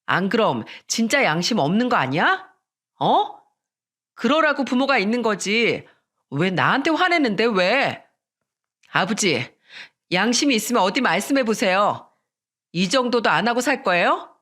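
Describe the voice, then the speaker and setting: A narrator voicing a furious young wife who yells back at her husband, shrill and defiant. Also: big pitch swings, measured pace, exaggerated voice. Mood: angry shouting.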